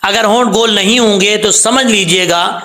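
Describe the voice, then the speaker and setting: A man teaching Quran recitation with tajweed, explaining step by step and stretching words slowly. He often checks that the listener follows, and he chants the verses melodically. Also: high-pitched, bright, forceful tone, reverberant. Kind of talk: tajweed lesson.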